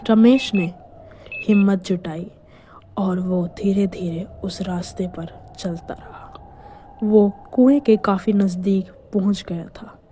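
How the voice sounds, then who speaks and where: A woman narrating a scripted horror story in a hushed, suspenseful manner. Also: mid-range voice, slow, slight background noise.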